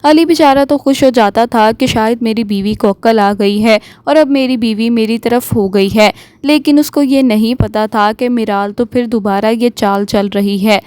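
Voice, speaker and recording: A woman hosting a drama review channel, retelling an episode's plot in a steady, flowing storytelling manner. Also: fairly high pitch, hardly any pauses, dry recording.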